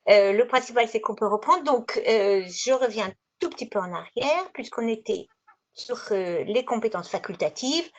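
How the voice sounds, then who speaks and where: A woman trainer presents slides in an online session, explaining in a conversational, didactic way and rephrasing as she goes. Her voice is a little high with lively intonation at a moderate pace. She's heard through a video conference microphone, and the call audio is dull and lo-fi.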